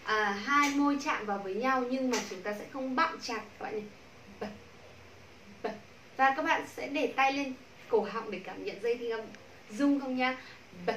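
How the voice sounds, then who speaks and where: A woman's voice: sits high, fairly bright tone, far from the mic. Vietnamese woman teaching pronunciation, echoey room. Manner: modeling sounds slowly and repeating drills. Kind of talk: pronunciation lesson to a class. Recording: echoey room, from the mic, faint noise.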